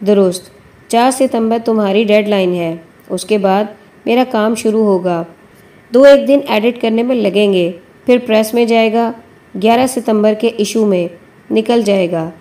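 A woman's voice: mid-range voice, mellow, close to an everyday voice. A woman voicing an older male newspaper editor, a chain-smoker who is coaxing and bossy. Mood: instructing.

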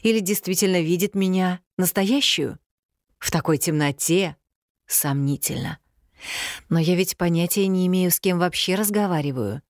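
Brief: woman audiobook narrator, low voice, dry close recording. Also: normal speed, a little mellow, no echo. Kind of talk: first-person audiobook narration.

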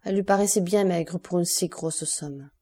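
A woman narrating a classic novel as an audiobook, in a measured, even storytelling manner. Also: fairly low pitch, husky. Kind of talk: scripted literary narration.

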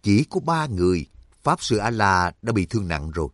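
A man voices a terse, guarded soldier who speaks quietly and to the point. His low voice still carries lively inflection, recorded dry and close. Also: moderate pace, no room sound. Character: calm, guarded male soldier.

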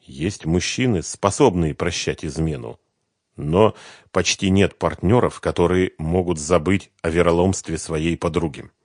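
A man reading an audiobook in a measured, expressive way. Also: sits low, no echo, clean studio sound. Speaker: audiobook reader. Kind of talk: scripted audiobook narration.

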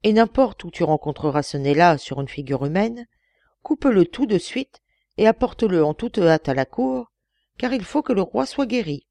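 A woman's voice: fairly low pitch, lively intonation, normal speed, creaky, dark tone, no room sound. A woman voicing a commanding male prime minister who gives an urgent order in a read-aloud story. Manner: imperious, urgent.

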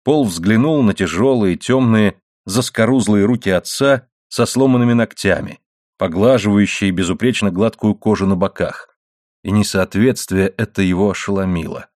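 A man reading a novel aloud in a steady, even storytelling manner. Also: lowish voice, moderate pace, no echo, studio quality. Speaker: audiobook narrator. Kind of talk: scripted novel narration.

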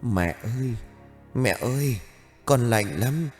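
A man voicing the ghost of a dead child in an audio ghost story, with a thin, drawn-out, wailing call. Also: medium pitch, animated, in a large hall, faint music behind, pitched above the performer's own voice. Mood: pleading. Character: ghostly dead child crying for his mother.

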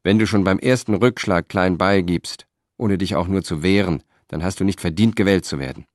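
A commanding Roman matron with a firm, cutting delivery, as a male reader puts her on. Her voice stays deep and low, in a dry, close recording. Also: normal speed, a little mellow, no echo, natural voice. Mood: scornful. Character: stern Roman wife, commanding and scornful.

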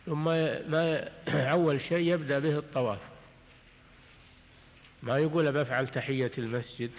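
A man teaching a religious text in a measured way, often repeating and restarting his phrases and clearing his throat. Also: a little high, steady tone, lo-fi sound. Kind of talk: recorded lecture explaining jurisprudence. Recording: long hall reverb on an old tape.

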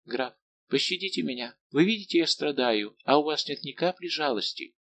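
A man's voice: on the high side, lively intonation, normal speed, gravelly, fairly bright tone, a little hiss or hum, pitched above the performer's own voice. A man reading an audiobook, voicing a proud, jealous young royal princess with an imperious manner. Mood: pleading. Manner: imperious, then pleading.

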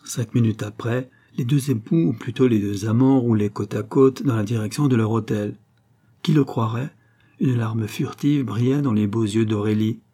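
Male audiobook narrator, classic novel, measured, dark tone. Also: mid-range voice. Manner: measured, literary reading. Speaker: audiobook reader.

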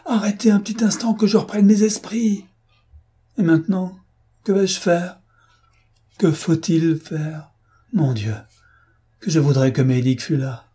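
A man's voice: high voice, measured pace, pauses often, dark tone, breathy edge, pitched above the performer's own voice. A man voicing a panicked ordinary man crying out against a storm in an audiobook, frantic and pleading. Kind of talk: audiobook character voice.

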